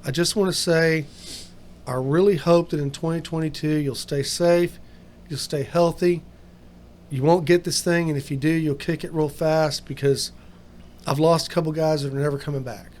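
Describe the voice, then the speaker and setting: A man's voice: a little high, steady tone, moderate pace, a little mellow. A man hosting a casual podcast, talking in a folksy, upbeat way. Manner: folksy, upbeat sign-off talk. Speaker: podcast host.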